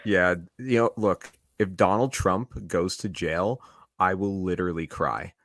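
A young man co-hosting a podcast, trolling in deadpan irony. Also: low voice, unhurried, no room sound. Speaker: podcast co-host. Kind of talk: casual chat.

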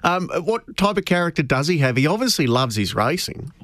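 An Australian man hosts a racing radio show, introducing a story and interviewing a guest with eager, upbeat questions. His voice sits a little high. The sound is dry and close. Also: very animated, brisk, a bit bright, no room sound.

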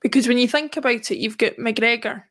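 A woman, co-hosting a football podcast in casual chat, measured as she runs through lists of players. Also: fairly high pitch, a bit bright. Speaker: podcast co-host.

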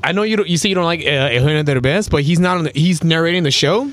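A man's voice: on the high side, fast talker, a bit bright. A man co-hosting a casual chat in chummy slang, dropping in bits of Spanish. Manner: chummy, slangy, says dude often. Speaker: podcast co-host.

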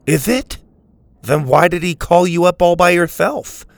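A man's voice: high-pitched, a little slow, vocal fry, dry recording, voice pushed up. A man voicing a brash teenage boy in a storybook reading, teasing and mocking. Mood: needling. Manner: needling, mocking.

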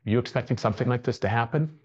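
A man's voice: mid-range voice, very fast, darkish tone, breathy edge, dull audio, pitched above the performer's own voice, close to an everyday voice. Man putting on a coy, teasing young woman.

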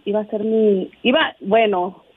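A woman's voice: mid-range voice, unhurried, breathy edge, dry recording, narrow, tinny audio. A middle-aged woman from Mexico City with a Mexican accent, calling in to a radio show and giggling shyly. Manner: giggly and shy, open about her own story. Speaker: caller. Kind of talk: phone call-in chat.

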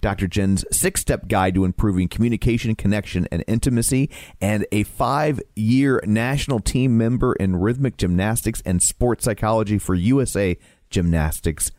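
A man's voice: fairly low pitch, normal speed, darkish tone, no room sound, studio quality. A man with an American Midwestern accent, speaking conversationally as a podcast co-host.

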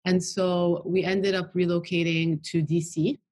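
This interview guest from Washington DC, United States, speaks in a fairly low, a little mellow voice with a flat, unhurried delivery. Still, she's chatty and casual, leaning often on filler words like "you know" and "like".

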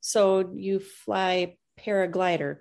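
A woman's voice: mid-range voice, steady tone, takes it slowly, creaky, a little mellow. A woman hosting a casual interview, asking short prompting questions. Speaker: interviewer host.

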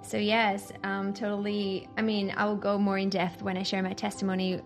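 Podcast guest, woman from Chile, earnest reflective testimony, gravelly fry in the voice. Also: medium pitch, completely flat delivery, normal speed, faint music behind. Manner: earnest, reflective, many ums. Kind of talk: faith testimony conversation.

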